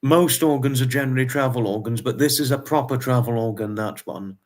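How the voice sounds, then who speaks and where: This twenty-something livestream host talks to his viewers casually, fairly fast and at medium pitch. Repetition and oddly formal turns of phrase run through his speech.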